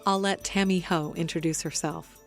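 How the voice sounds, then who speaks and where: Low-voiced woman radio host. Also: steady tone, moderate pace, soft background music. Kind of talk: scripted radio introduction.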